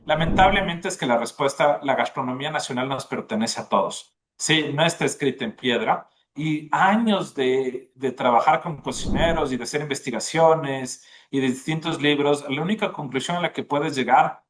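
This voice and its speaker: A man's voice: on the high side, normal speed, hardly any pauses. A man, a gastronomy school dean, explaining at length in a podcast interview and often checking in with the listener. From Ecuador. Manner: explanatory, often tags "¿no es cierto?".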